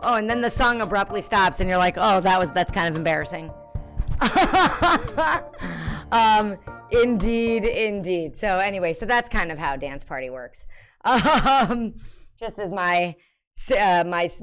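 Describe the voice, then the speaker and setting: A woman's voice: mid-range voice, measured pace, clean tone, soft background music. Streamer type: woman with a distinctive, unusual voice, chatty and giggly, loose rambling delivery with frequent ums. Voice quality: unusual voice that startles people. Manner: rambling, giggly, many fillers and restarts. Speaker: livestreamer reacting to videos. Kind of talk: casual chat.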